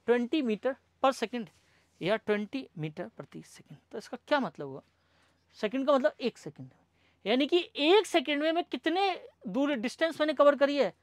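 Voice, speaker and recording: Speaking in a high-pitched voice, a male teacher runs a classroom lecture by posing questions and answering them himself, mixing English terms into what he explains. He repeats each point in question-and-answer form and addresses students as "bhai sahab," with no room sound in the recording.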